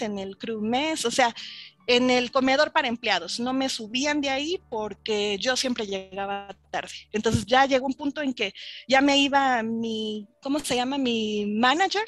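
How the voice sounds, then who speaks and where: Mexican lady telling a story on a podcast, high voice, does all the quotes, faint music. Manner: lively, acts out quoted dialogue. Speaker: interview guest. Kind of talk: casual storytelling in an interview.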